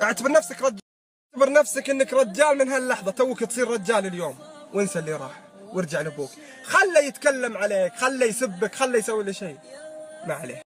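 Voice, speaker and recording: A man's voice: high-pitched, a bit bright. A Saudi man giving fervent moral advice to his viewers, in a Saudi accent, swearing oaths often. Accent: Saudi Arabic. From Saudi Arabia. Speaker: social media creator. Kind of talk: impassioned moral advice monologue.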